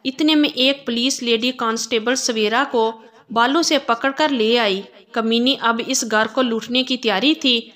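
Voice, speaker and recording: A woman storyteller reading a dramatic moral tale with steady, scripted narration. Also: on the high side.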